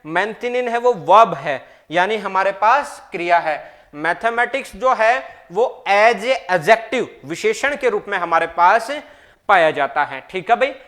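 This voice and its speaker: A man with a high voice gives a maths exam-prep lecture at an unhurried pace. He poses questions to his students and answers them himself. He repeats each key point slowly so it sticks. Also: pushed and bright. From Rajasthan, India. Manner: calls listeners "bhai". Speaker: maths teacher.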